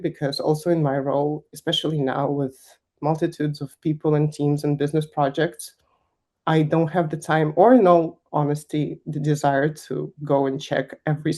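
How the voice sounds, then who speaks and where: A young woman from Kazakhstan, appearing as a guest finance executive, answers interview questions candidly and emphatically, laughing often. Her voice is deep with a warm tone.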